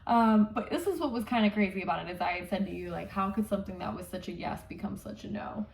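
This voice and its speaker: Chatty female vlog co-host, animated storyteller, mid pitch; recorded off-mic in an echoey room. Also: quick pace, gravelly, far from the mic. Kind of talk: casual storytelling.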